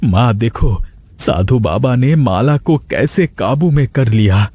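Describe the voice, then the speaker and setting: A man's voice: medium pitch, animated, slow, mellow, slightly rough. A man voicing an anxious young husband in a cartoon, pleading and eager to please. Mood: relieved. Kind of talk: cartoon voice acting.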